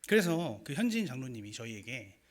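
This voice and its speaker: A young man preaching a sermon, telling a personal story in a lively, animated way. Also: medium pitch, fairly quick. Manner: animated storytelling with acted quotes and rising emotion.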